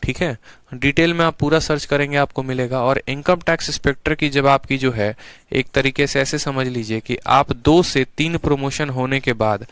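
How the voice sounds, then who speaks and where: A man's voice: medium pitch, normal speed, a bit bright, smooth, no echo. A man teaching an exam-prep maths lesson online, explaining step by step and putting questions to his students before answering them himself.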